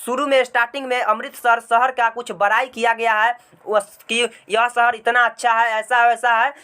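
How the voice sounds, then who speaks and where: A man's voice: extremely high pitch, level tone, moderate pace, sharp tone, clean tone. A male teacher explaining a school lesson, mixing English words into his speech and often telling students to look closely. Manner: mixes English words into Hindi.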